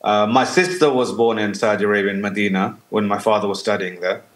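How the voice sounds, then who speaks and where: A man from Bangladesh, a charity guest in a casual interview, speaking earnestly and halting often with fillers. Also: fairly low pitch, fairly even intonation. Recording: roomy echo.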